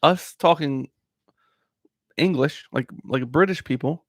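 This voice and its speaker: A man's voice: fairly high pitch, takes it slowly, no room sound, studio quality. A man, co-hosting a podcast, recapping a movie with wry questions and teasing asides. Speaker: podcast co-host. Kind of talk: casual movie-recap chat. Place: small warm room, under a heater.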